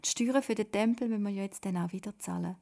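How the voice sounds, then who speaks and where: A woman's voice: mid-range voice, quick pace, creaky, dark tone, close to an everyday voice. A woman with a Swiss German accent voicing a kindly old grandfather in whispered role-play.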